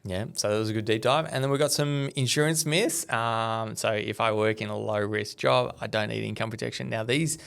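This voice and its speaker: A man hosting a casual office podcast, playful and joking, and quick to laugh. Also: on the low side, steady tone, vocal fry, a bit bright, clean tone. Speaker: host.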